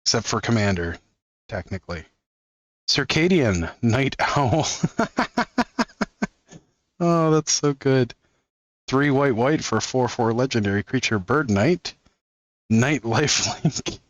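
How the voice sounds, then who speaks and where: A man hosts a card-opening video, reading each card's text aloud in a relaxed, amused way. His voice sits in a middle register. He chuckles often between lines, and the sound is dry and close. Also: mid-range voice, slow, long pauses, no room sound. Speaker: card-opening channel host.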